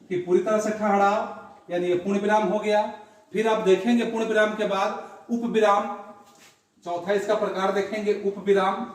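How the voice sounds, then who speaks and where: A man teaches a grammar lesson in a classroom, working through examples slowly and repeating each one. His voice sits high. It reaches the mic from a distance, wrapped in heavy room echo. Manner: slow, repetitive explaining with examples. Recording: very echoey room, voice from far off.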